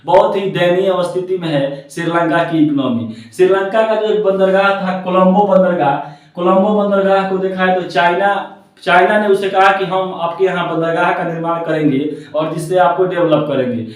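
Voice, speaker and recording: A man teaches geography from a map with a rather high voice. He says every point twice and recites lists in a sing-song chant. The sound is very roomy and echoey, and he stands a little away from the mic. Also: fairly even intonation, moderate pace, far from the mic. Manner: repeats each point twice. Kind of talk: classroom-style map lesson.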